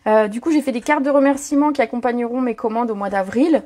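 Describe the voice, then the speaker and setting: Here a woman with a fairly high, warm, steady voice talks fast while demonstrating card-making on a livestream. She's chatty, uses plenty of fillers, and calls out viewers by name, recording at home on her own microphone.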